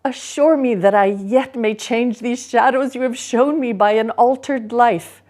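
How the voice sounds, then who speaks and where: A woman's voice: fairly high pitch, unhurried, darkish tone, voice pushed up, lightly acted. A woman playing a giddy, reformed Scrooge. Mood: pleading. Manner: exclamatory, giddy, breathless. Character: old man Scrooge, overjoyed and reformed.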